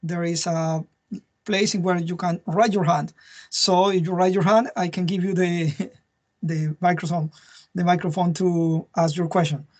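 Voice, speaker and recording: A person hosting an online webinar, checking the chat for questions and explaining how to raise a hand, in a halting way with repeated words, over a video call. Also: mid-range voice, flat delivery, darkish tone. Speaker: webinar host.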